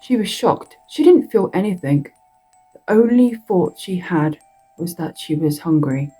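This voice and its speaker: A woman narrating a horror story in a slow, deliberate reading that draws out its words. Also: lowish voice, animated, warm tone, slightly rough, faint music behind, poor audio.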